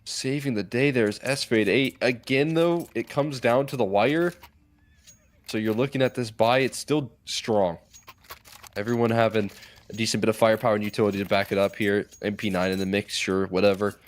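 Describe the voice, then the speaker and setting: A man giving live esports commentary and analysis as a co-caster, with animated, dramatic phrasing. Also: fairly low pitch, moderate pace.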